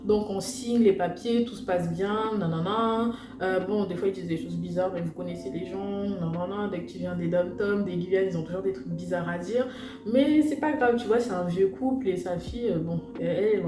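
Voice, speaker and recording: Speaking fairly quickly with a lowish voice and fairly even intonation, a young woman from French Guiana shares a personal story with her viewers. She's casual and slangy, full of fillers and side remarks, recorded in an echoey room against loud background music.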